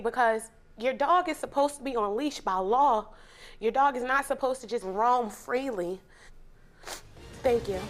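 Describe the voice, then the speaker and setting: Woman, plaintiff, emotional courtroom testimony, vivid retelling, slightly high voice. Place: TV courtroom set.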